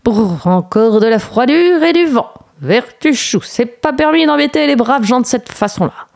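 A woman's voice: on the high side, expressive, moderate pace, creaky, darkish tone, voice pushed up. A woman voicing a grumpy, stubborn old farmer who grumbles about the cold. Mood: grumbling. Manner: grumbling, complaining.

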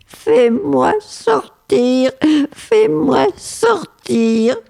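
A woman's voice: sits high, big pitch swings, gravelly, darkish tone, full character voice. A woman voicing a vengeful male spirit freed from a bottle, drawing out his threats in a storybook reading. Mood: pleading. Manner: drawn-out, repeating threats.

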